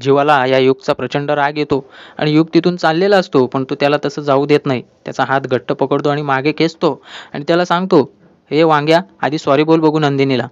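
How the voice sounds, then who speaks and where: Man with smooth voice recapping a TV serial. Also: a little high, steady tone, a little fast, dry recording, dull audio. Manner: storytelling recap, quotes the dialogue in his own voice. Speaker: TV serial episode reviewer. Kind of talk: retelling a TV episode.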